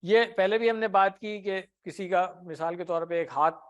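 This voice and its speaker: A man's voice: high voice, smooth. A man teaching Arabic grammar in an Urdu classroom lecture, patiently explaining with everyday examples and asking the class questions. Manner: often ends points with a tag question.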